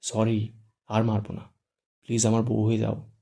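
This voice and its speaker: A man's voice: mid-range voice, steady tone, quick pace, warm tone, natural voice. Man voicing a hot-tempered bossy young groom. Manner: curt, commanding.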